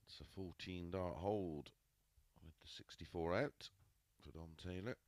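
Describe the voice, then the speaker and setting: A man giving understated, analytical darts commentary, with low-key remarks on form and statistics. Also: a little slow, no echo.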